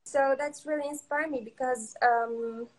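Young Tunisian woman, Arabic speaker, high voice, hesitant English with lots of ums, online interview guest. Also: fairly even intonation, slight background noise, rough recording. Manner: halting non-native English with many fillers. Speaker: guest photographer.

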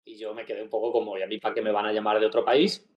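Hombre charlando con humor, acento de España. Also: male voice, lowish voice, racing. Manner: storytelling, jokey, animated retelling of a phone call. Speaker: podcast co-host. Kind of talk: casual chat.

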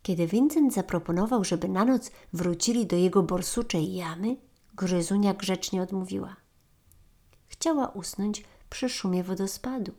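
A woman narrating a children's story in a gentle storytelling manner. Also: mid-range voice, normal speed.

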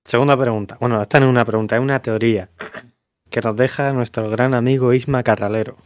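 A man's voice: mid-range voice, fast talker, no room sound, clean studio sound. A man co-hosting a podcast, chatting casually and leading with questions. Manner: lively, asks the questions. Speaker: podcast co-host. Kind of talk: casual chat.

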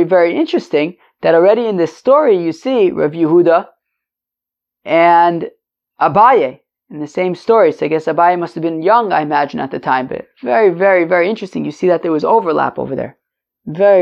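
A man's voice: fairly high pitch, lively intonation, fairly quick, creaky, darkish tone. A man teaching an informal Talmud lesson, reading and translating conversationally, rephrasing and asking rhetorical questions. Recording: dull lo-fi recording.

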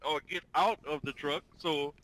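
A man's voice: fairly high pitch, steady tone, normal speed, fairly bright tone, poor audio. A man with a Louisiana Creole accent chatting casually and informally in local slang, as a co-host explaining expressions. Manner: slangy, informal, tells anecdotes. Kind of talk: casual chat.

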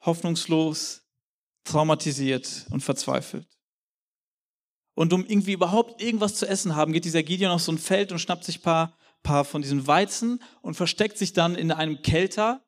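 A man's voice: on the high side, moderate pace. A young man giving a sermon in a casual, youthful way, acting out the quotes of the people he tells about. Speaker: preacher.

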